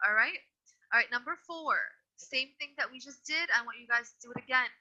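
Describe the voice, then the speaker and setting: Heard through dull, lo-fi video call audio, a woman teacher conducts an online grammar lesson. Her voice is high-pitched, bright and forceful, her pace brisk, as she patiently but firmly repeats and corrects her students.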